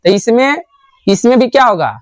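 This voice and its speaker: A man's voice: very high voice, lively intonation, moderate pace, no room sound. A young man teaching grammar in a classroom lecture style. He asks a question, answers it himself and repeats the answer.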